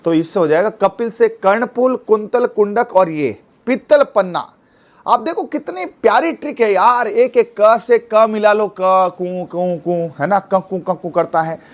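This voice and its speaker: A man coaching exam students, spinning little rhymes and tricks to make facts stick. His voice sits high for a man, and he keeps tossing quick check-in questions at his class in a chatty, homely way. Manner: chatty, repeats tag questions like "है ना". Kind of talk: teaching with memory tricks.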